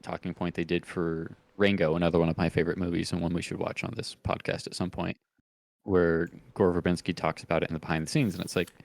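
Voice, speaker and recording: A man's voice: low-pitched, flat delivery, fast, creaky, no echo. A man from Texas chatting on a podcast as the film fan, thoughtful and articulate with a dry humor. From Texas, USA. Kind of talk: casual podcast chat.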